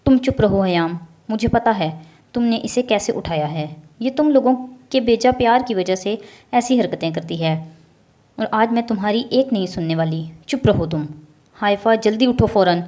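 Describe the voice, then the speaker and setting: A woman's voice: mid-range voice, hardly any pauses, a little mellow, close to an everyday voice. A woman voicing a stern, angry middle-aged mother who scolds her daughter in a raised voice, in a storybook reading. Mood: scolding.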